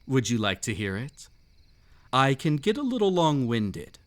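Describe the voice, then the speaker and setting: A man with a medium-pitched, very animated voice plays a mysterious host of a haunted estate filled with glass, teasing and secretly sinister. He tells the story slowly and at length in a storytelling mood, using dramatic pauses, in immersive roleplay audio addressed straight to the listener.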